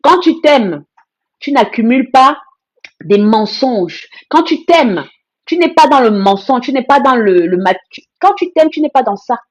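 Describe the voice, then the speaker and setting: A woman's voice: high voice, sing-song, a little slow. Blunt, emphatic woman talking live. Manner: blunt, emphatic, repetitive phrasing; reads and greets viewer comments. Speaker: live stream host. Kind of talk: casual live-stream monologue.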